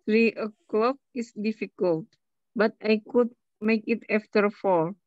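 A woman's voice: medium pitch, slow pace, no room sound, muffled recording. A woman student carefully reading phone role-play lines in English.

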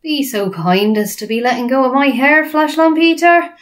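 A woman's voice: high-pitched, expressive, normal speed, voice pushed up. A woman voicing a kindly, eccentric male giant in a storybook, nervous, with quaint muddled grammar and invented words. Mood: polite, wary.

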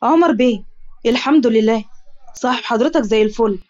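A woman's voice: a little high, brisk, a little mellow, lo-fi sound, natural voice. A woman with an Egyptian accent voicing a cheerful, reassuring male doctor. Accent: Egyptian Arabic. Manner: reassuring, amused.

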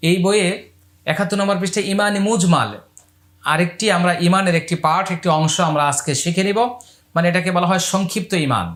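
A man teaching Quran reading step by step. He spells out each letter and vowel, then chants the whole word slowly. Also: sits high, fairly bright tone. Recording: echoey room.

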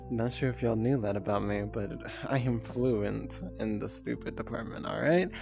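This young woman's voice is bass-deep and creaky, moving at a measured pace as she chats casually on a home live stream. She rambles, giggles, and cusses freely while soft music plays and her VR avatar appears on screen.

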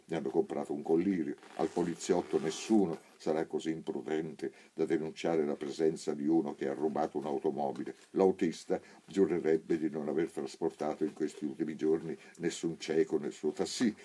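A man, an actor, reading a novel aloud in a measured, unhurried storytelling manner. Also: dark tone, slightly rough. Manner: measured, unhurried storytelling, raising pitch for quoted characters. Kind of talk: literary audiobook reading.

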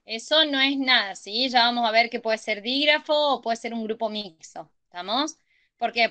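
A woman tutors a grammar class, her voice high and bright. She moves through examples step by step and keeps checking that her students are following. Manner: checks understanding with frequent ¿sí? and ¿estamos?.

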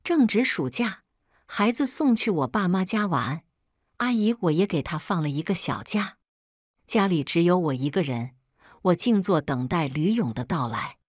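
Woman storyteller, low voice, steady measured reading, dry close sound. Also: no echo. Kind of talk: first-person scripted story narration.

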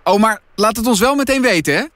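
A man's voice: high-pitched, lively intonation, fast, fairly bright tone, dry recording, voice pushed up. A man doing a nervous young boy in an audiobook. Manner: nervous and anxious. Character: nervous boy twin, jumpy and doubtful.

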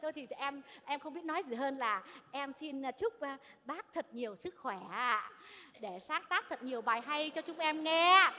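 Actress as a high, fast-talking fussy old lady, reverberant stage. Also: expressive, sharp tone. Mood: flustered. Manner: theatrical, fussy, exclaiming. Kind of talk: live stage comedy sketch.

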